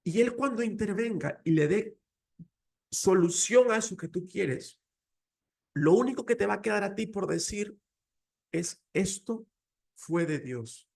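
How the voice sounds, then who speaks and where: A man's voice: sits high, expressive, measured pace, vocal fry, long pauses, slightly rough. A man with a Mexican Spanish accent giving an emotional, earnest faith talk, telling a personal story. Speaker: faith speaker.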